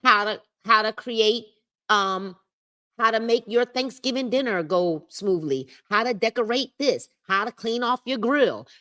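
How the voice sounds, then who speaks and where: Her voice is fairly high, animated, and bright, with a pushed quality and a measured pace. She's running a live-streamed book club, reading a self-help title aloud, cutting in with emphatic commentary, repeating key phrases, and speaking to her chat viewers over a livestream mic.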